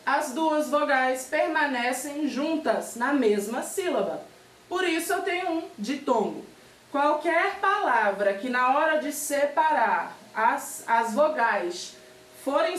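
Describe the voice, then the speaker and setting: A Brazilian woman teaching a remote primary school lesson, patiently spelling out examples and checking in with her pupils. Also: high voice. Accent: Brazilian Portuguese. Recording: echoey room, far from mic.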